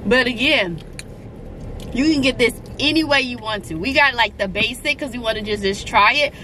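Animated and a little high, this woman's pushed, bright voice carries her enthusiastic, drawn-out commentary as she co-hosts a food vlog and tastes a dessert. The casual review chat has slight background noise.

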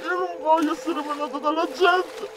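A woman speaking through a deep voice changer, reacting in panic to a game. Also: fairly even intonation, moderate pace, noisy background. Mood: dragged.

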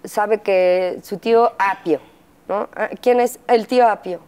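A middle-aged woman with a Mexican accent telling her story as an interview guest, pausing often with fillers and acting out quotes. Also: medium pitch, darkish tone, clean tone. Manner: halting, frequent fillers, acts out quotes. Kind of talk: candid interview testimony.

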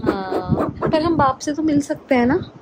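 A woman with a somewhat high voice films a casual home vlog. She coos over her dog in doting baby talk, then explains things to her viewers in easy chatter. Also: expressive, measured pace, very noisy. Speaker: vlogger and dog owner.

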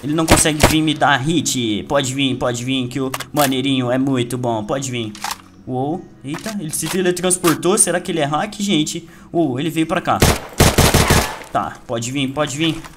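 A man's voice: mid-range voice, normal speed, very noisy. A man with a Brazilian Portuguese accent giving playful, boastful gameplay commentary to his viewers. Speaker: gaming youtuber. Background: loud game music and gunfire.

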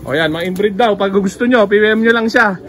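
A man vlogging casually as he walks through a pigeon loft, excited and joking, with frequent exclamations. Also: high-pitched, fast talker. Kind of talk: casual walkthrough vlog. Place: outdoor pigeon loft with birds around.

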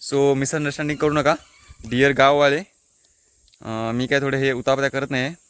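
With a medium pitch and flat, smooth delivery at normal speed, this man's voice is fairly bright. He's vlogging from a hilltop beside a water tank in Konkan, India, talking casually into a handheld phone in Konkani-inflected Marathi and explaining local words as he walks.

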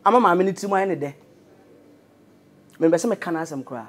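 A Ghanaian man in his thirties with a somewhat high voice and a Ghanaian accent. He talks as an interview guest, joking and laughing often, in a loose, animated conversational tone. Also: moderate pace. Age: 30s. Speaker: interview guest, radio presenter and producer. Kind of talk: casual interview chat.

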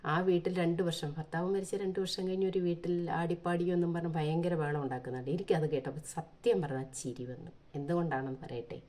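Low, dark-voiced woman pleading earnestly. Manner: earnest, pleading, rhetorical questions. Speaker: vlogger. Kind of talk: impassioned opinion monologue.

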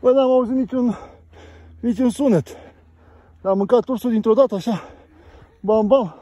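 A man's voice: very high-pitched, mellow, husky, dry recording. A man vlogging casually while hiking outdoors, joking playfully with his companions and a little out of breath. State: slightly out of breath. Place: outdoors on a canyon trail.

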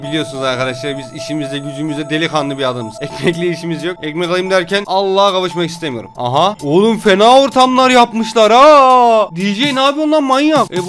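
A young man giving casual let's-play commentary, jokey and excitable, swinging from low mutters to sudden yelps and shouts. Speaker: gaming YouTuber.

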